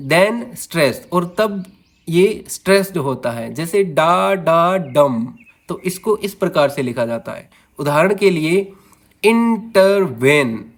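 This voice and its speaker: A man teaching an English lesson to viewers, sounding out words syllable by syllable and often addressing them as friends. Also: high voice. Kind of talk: classroom-style video lesson.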